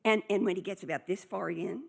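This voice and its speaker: A woman speaker telling a lively story to a conference audience, acting out the dialogue as she goes. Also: mid-range voice, brisk, creaky, slightly rough.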